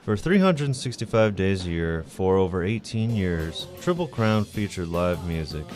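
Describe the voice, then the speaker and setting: A male reporter reads a news segment with measured, even delivery. His voice is very deep. Faint music plays beneath him. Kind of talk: scripted news narration.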